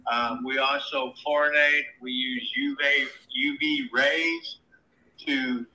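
A man's voice: mid-range voice, big pitch swings, takes it slowly, creaky, sharp tone. A man heard over a phone on speaker, explaining in a plain, matter-of-fact way with lots of ums and uhs. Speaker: caller, water treatment plant worker. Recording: echoey phone speaker sound.

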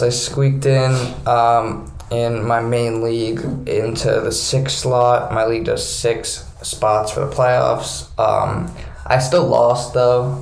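A man's voice: mid-range voice, creaky. A man co-hosting a casual sports podcast, recorded in a small, echoey, bathroom-like room. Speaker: podcast co-host.

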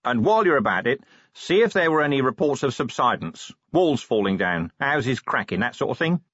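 A man voicing a gruff, weary middle-aged watch commander who speaks brusquely and matter-of-factly. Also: mid-range voice, very animated, a little fast, a bit bright, no room sound, pitched above the performer's own voice. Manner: brusque, dry, matter-of-fact. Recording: dull dry studio recording.

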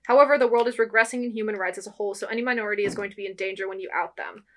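A woman's voice: mid-range voice, racing, a bit bright. A woman co-hosting a podcast in casual chat, reading online comments aloud. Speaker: podcast co-host.

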